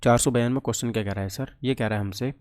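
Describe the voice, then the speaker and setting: Talking very fast in a darkish, medium-pitched voice, a man teaches a physics exam lesson as a coach. He keeps it conversational, often asking a question and immediately answering it himself.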